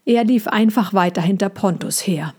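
A woman reading a children's story aloud in a slow, hushed, suspenseful way. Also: mid-range voice, breathy edge. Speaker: narrator.

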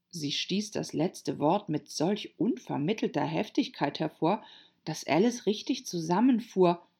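Slow, gravelly woman reading a story. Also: on the low side. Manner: expressive, slow, measured storytelling. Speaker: audiobook narrator.

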